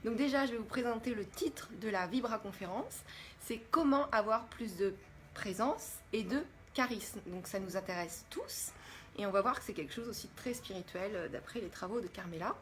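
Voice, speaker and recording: Speaking at a normal speed in a mid-range voice, this woman hosts a relaxed live stream. She chats freely, welcomes viewers warmly, and leans on lots of filler words while faint noise sits in the background.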